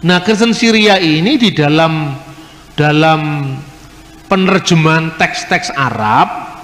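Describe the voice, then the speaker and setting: Male lecturer, slightly high pitch, explanatory, roomy reverberant hall recording. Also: a bit bright. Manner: explanatory, mimics regional pronunciations. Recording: echoey hall with faint noise.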